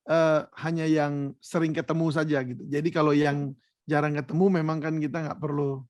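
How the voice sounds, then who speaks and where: A man who is a parent guest on a podcast, telling things in a relaxed way and acting out quoted speech. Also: a little high, a little fast, dry recording, clean studio sound. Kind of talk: casual podcast interview.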